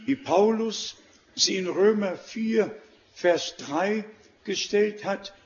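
A man preaching a sermon, reading scripture in a slow, measured, emphatic way. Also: high voice, highs cut off, slight background noise.

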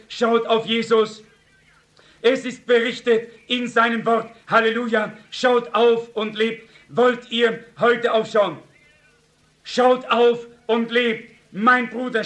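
A man's voice: very high-pitched, fairly bright tone. A man preaching a sermon, telling stories with quoted dialogue and fervently urging his congregation. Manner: fervent, repeated exhortations to the congregation.

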